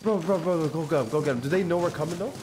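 A young man doing live gameplay commentary in casual slang, in rapid, nonstop, repetitive and excitable chatter. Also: fairly high pitch, background noise. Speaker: game streamer. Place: indoor home streaming room. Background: video game music.

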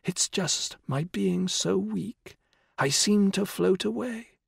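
A man's voice: high-pitched, takes it slowly, gravelly, breathy edge, no room sound, clean studio sound, pitched above the performer's own voice, heavily acted. A man voicing a frail, dying old woman who speaks in a weak whisper. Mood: faint.

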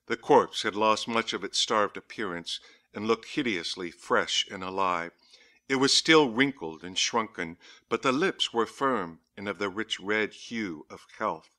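Male audiobook narrator, lowish pitch, bright forceful tone, measured dramatic reading. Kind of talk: scripted narration of a diary.

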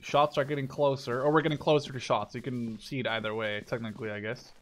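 A man hosts a gaming video, casually commenting on the gameplay and thinking aloud with some mild swearing. His medium-pitched voice is steady and fast, with video game gunfire and clicks audible behind it.

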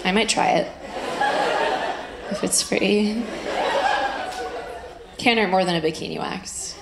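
A woman performing stand-up comedy into a stage microphone, with dry, conversational joking and drawn-out punchlines, to audience laughter. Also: medium pitch, vocal fry. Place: live comedy venue. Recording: roomy live stage sound with crowd noise.

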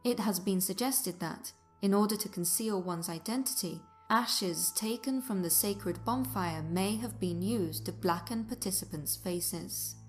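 Woman narrating a documentary over music. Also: mid-range voice. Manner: measured, formal, articulate delivery. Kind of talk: scripted narration. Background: music under the voice.

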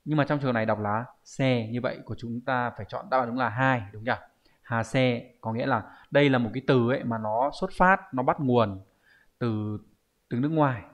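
In an online lesson, a Japanese teacher explains the answers to an exam, talking a little fast in a mid-range voice with a Vietnamese accent. He regularly checks with his viewers through rhetorical questions.

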